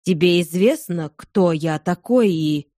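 Shy young farmer in love, hesitant and slow, soft dark tone, read by a woman. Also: lowish voice, no room sound, clean studio sound. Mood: timid.

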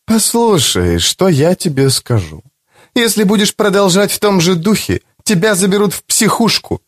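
Man playing a scornful, mocking neighbour woman, pitched up, for an audiobook. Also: sing-song, moderate pace. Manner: mocking, dismissive. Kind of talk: audiobook character voice.

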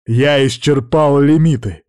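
A man's voice: medium pitch, measured pace, mellow, no room sound, clean studio sound, lightly acted. A man voicing a hot-tempered lord of the djinn who speaks in desperate, pleading outbursts.

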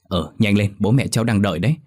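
A man's voice: on the low side, fast, darkish tone, breathy edge. A man voicing a worried, hard-working widowed aunt in a horror audiobook.

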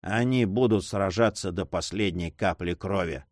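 A man voicing a terrified, tortured male prisoner who swings between hushed pleas and desperate outcries. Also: sits low, moderate pace, no room sound, studio quality, voice pushed down, lightly acted. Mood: defiant. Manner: desperate, alternately whispering and crying out.

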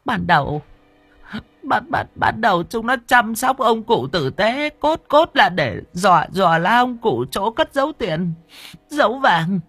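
A woman's voice: mid-range voice, sing-song, unhurried, fairly bright tone, husky, no room sound, pitched above the performer's own voice, heavily acted. A man voicing a guilt-ridden older woman who is crying, stammering and begging in an audiobook. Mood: sobbing confession. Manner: stammering, wailing, pleading. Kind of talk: audiobook character voice.

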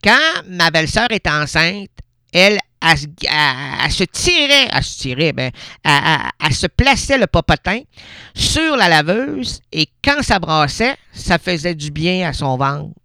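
A man's voice: fairly high pitch, big pitch swings, normal speed, bright, forceful tone, clear, resonant tone, dry recording, clean studio sound. A man from Quebec with a Québécois accent hosting a radio show, rambling through absurd wordplay and frequent self-corrections. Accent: Québécois French. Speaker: radio host. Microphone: radio studio microphone.

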